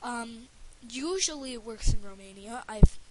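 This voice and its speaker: Here a woman narrates a let's play in a warm, expressive, higher voice at a measured pace, wandering off-track, fumbling words, and leaning on fillers. It's a low-quality recording with a faint hiss underneath.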